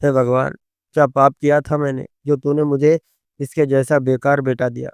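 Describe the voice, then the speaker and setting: A man voicing a sharp-tongued middle-aged mother who scolds her son loudly in a storybook reading. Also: medium pitch, flat delivery, clean tone, no room sound, close to an everyday voice. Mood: indignant, wailing. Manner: shouting, scolding, rapid.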